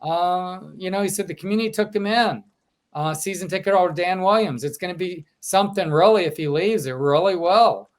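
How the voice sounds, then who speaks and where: A man co-hosting a sports podcast, recounting his trip and quoting fans as he goes. His voice sits a little high for a man. He talks in a loose, casual way. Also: fairly quick. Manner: storytelling, quotes fans in lively asides. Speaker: podcast co-host, sports reporter.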